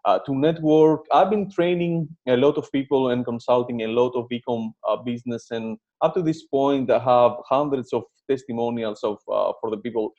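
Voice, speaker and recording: Speaking at a moderate pace with barely a pause, this Greek podcast guest in his thirties recounts his story in a relaxed interview, stumbling through fillers and restarts in his second language. His mid-range voice sounds a touch mellow, though the recording is muffled.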